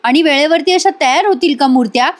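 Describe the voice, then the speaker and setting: Woman doing an anxious young idol maker, high and pleading. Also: fast, natural voice.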